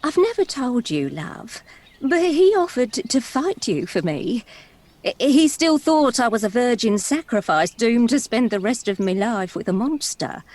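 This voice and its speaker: Theatrical princess with swooping high voice. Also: female voice, sing-song, a little slow, a little mellow, dry recording. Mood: wistful, tender. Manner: dramatic, giggly, wistful storyteller. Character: theatrical, chatty princess, fond companion of a dragon. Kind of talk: stage-comedy monologue, storytelling to a reporter.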